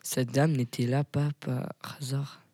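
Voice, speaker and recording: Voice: mid-range voice, level tone, slow, mellow, slightly rough. A narrator telling the story of an amateur skit in a plain storytelling manner.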